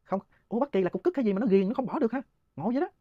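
A man's voice: high-pitched, animated, no room sound, lo-fi sound. A man, hosting and answering listener questions in a heated, scornful monologue punctuated by laughs. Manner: rapid, scornful ranting with frequent laughs.

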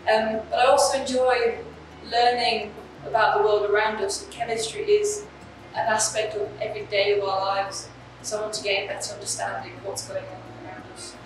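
In an echoey indoor chemistry lab, a young PhD student from the Czech Republic speaks to camera from a script about her research, keeping a steady, medium-pitched tone. She is earnest and measured, with occasional ums. The camera mic is distant and the background noisy, with music behind her.

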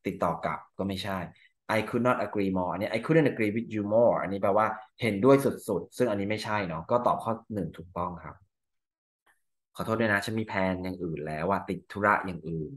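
Going through an exam, a Thai-accented male teacher reads the English slowly and explains each line in Thai, his voice on the low side and a touch bright.

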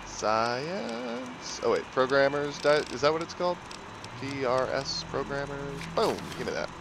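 A man's voice: mid-range voice, expressive, a little slow, background noise. A man doing let's play commentary, joking and teasing the game's characters and talking over them. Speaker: gaming video host. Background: game music.

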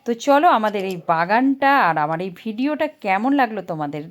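A woman's voice: mid-range voice, very animated, quick pace. A woman narrating a casual mini-vlog outdoors, chatting to viewers in a coaxing show-and-tell way with many little questions. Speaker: vlogger and content creator. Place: outdoor garden.

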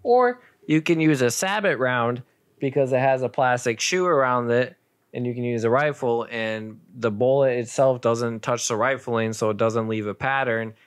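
A man's voice: medium pitch, moderate pace, clear, resonant tone. A young man co-hosting a podcast, telling stories in a laid-back, matter-of-fact way. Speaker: podcast co-host. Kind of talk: casual chat.

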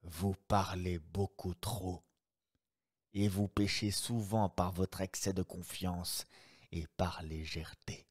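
A man reading aloud voices a stern, terse middle-aged English detective who speaks low, slowly and curtly. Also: fairly even intonation, darkish tone.

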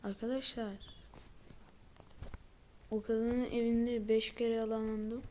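A woman giving let's-play commentary with excitable running reactions to the screen, often dropping into a whisper. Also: fairly high pitch, slow, slight background noise. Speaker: gaming video creator.

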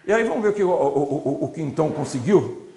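A man's voice: on the high side, expressive, brisk, vocal fry, mellow. A man giving an informal classroom lecture, chatty, constantly saying "look" as he points at slides. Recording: echoey lecture hall.

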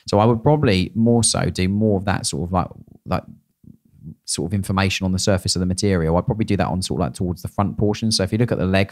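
Low-voiced man rambling fast on a podcast. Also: no room sound, studio quality. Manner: rambling, many fillers and restarts. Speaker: miniature painting co-host. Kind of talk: casual feedback chat. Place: small studio room. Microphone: podcast mic on boom arm.

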